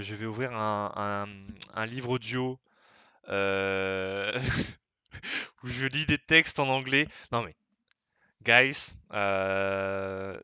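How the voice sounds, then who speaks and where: A man's voice: lowish voice, bright, forceful tone, clear, resonant tone, no room sound. A young man streaming live, chatting casually in a rambling, slangy way that keeps interrupting itself.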